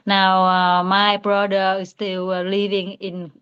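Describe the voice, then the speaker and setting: A woman's voice: medium pitch, completely flat delivery, fairly bright tone, clean tone. Hesitant woman, muffled. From Vietnam. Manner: hesitant, halting, restarts often. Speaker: student. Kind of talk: English speaking practice.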